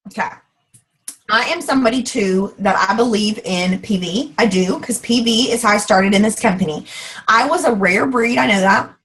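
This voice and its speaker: Speaking as a guest on a call, a Southern American woman, probably in her thirties, delivers a loud, fast, emphatic motivational pep talk. Her voice is medium-pitched and slightly rough, and the recording quality is low.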